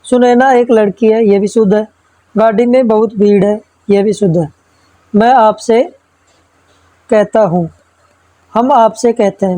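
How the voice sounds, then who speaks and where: A woman's voice: medium pitch, mellow, dry recording, poor audio. A woman teacher going through exam practice questions. She reads each question, then explains the answer step by step and keeps checking in with the listener. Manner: checks in with frequent tag questions. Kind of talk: exam-prep lesson.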